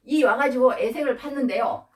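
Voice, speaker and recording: A woman's voice: sits high, fairly quick, recorded from a distance, noisy background. A middle-aged woman preacher giving an informal sermon, chatty and acting out everyday scenes with frequent laughter. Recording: roomy church sound, voice from off the mic.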